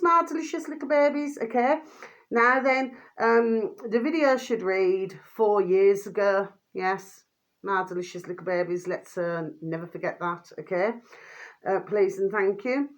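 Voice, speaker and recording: A British woman in her fifties talking casually and ramblingly to viewers, often using pet names and checking in with tag questions. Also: mid-range voice. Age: 50s. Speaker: vlogger recommending videos.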